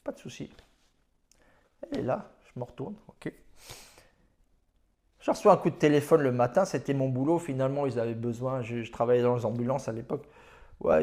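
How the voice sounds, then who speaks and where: A man's voice: mid-range voice, fairly even intonation, a little fast, gravelly, dark tone. A man giving dating advice in a casual monologue, telling his own stories in a boastful, slangy and emphatic way.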